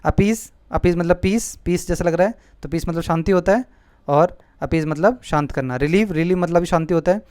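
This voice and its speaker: A man's voice: fairly high pitch, normal speed, darkish tone, no room sound, studio quality. A man teaching vocabulary with memory tricks, explaining patiently and often checking with "ठीक है?". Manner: explanatory, repeats words, asks "ठीक है?". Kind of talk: mnemonic vocabulary lesson.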